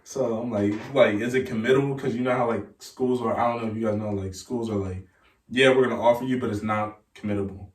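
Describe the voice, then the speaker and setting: A man's voice: lowish voice, brisk, hardly any pauses. A young man, a college football player, telling stories in casual talk as a podcast guest and acting out the voices of the people in them. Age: young adult. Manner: animated, acts out voices in his stories. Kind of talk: casual storytelling. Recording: roomy echo, mic at a distance.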